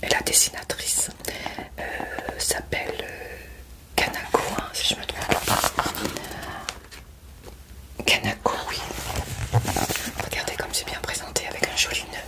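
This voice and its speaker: Gushing over a gift box, a woman who makes ASMR content whispers a soft role-play unboxing, pausing often and using plenty of filler words.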